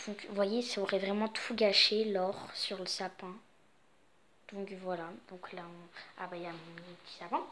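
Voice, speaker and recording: A young woman giving a casual, rambling tour of her home's Christmas decorations, with many fillers. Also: mid-range voice. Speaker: vlogger. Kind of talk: casual home tour vlog.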